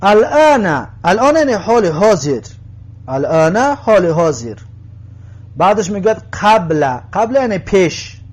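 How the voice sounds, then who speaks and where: A man with a Tajik accent teaching an Arabic lesson, reading each word and repeating its translation slowly. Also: sits high, big pitch swings. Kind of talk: recorded language lesson.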